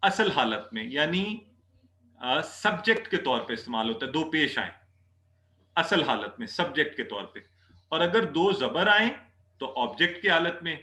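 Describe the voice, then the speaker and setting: A man teaching an Arabic class, patiently repeating words slowly for students to drill. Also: a little high, big pitch swings, bright, forceful tone, reverberant. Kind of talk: online class lesson.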